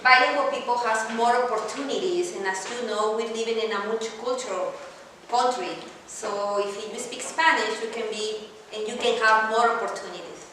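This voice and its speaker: A woman speaking simple, broken English as an interpreter at a pitch night. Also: normal speed, sharp tone, a little hiss or hum. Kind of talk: public speaking in non-native English. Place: large event hall. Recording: echoey hall with long reverb, far from the mic.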